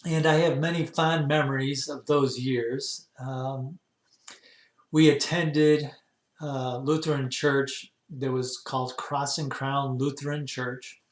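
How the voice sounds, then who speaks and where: A man's voice: mid-range voice, level tone, roomy sound. Man in his fifties telling his life story. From Wisconsin, USA. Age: 50s. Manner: unhurried, rambling, with many "uh" pauses. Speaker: vlogger. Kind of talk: casual personal storytelling.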